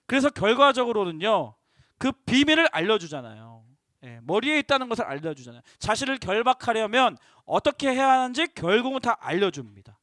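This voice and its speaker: High-voiced, playful male youth pastor. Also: sing-song, brisk, fairly bright tone, no echo, clean studio sound. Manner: playful, joking storyteller. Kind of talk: youth sermon.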